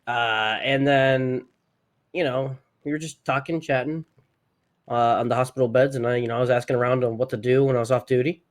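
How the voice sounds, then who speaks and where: A man's voice: mid-range voice, fairly even intonation, a little fast. Rambling man giving roleplay testimony. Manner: rambling, with many fillers and restarts. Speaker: witness in a roleplay court case.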